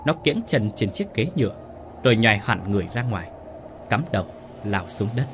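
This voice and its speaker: A man's voice: fairly low pitch, animated, a little fast, background noise. A man narrating a dramatic family tragedy story in a grave, dramatic manner. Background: faint music.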